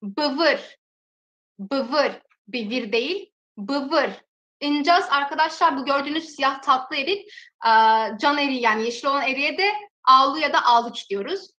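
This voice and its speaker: A woman teaching a language lesson, slowly sounding out each example word twice and then explaining its meaning. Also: high voice, expressive, pushed and bright. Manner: slow, drawn-out pronunciation drills. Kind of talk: alphabet lesson with repeated example words. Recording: echoey room.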